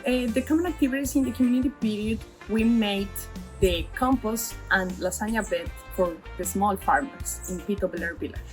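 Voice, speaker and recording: A woman's voice: medium pitch, fairly quick, over music. A woman from Colombia giving a plain testimonial as a program participant.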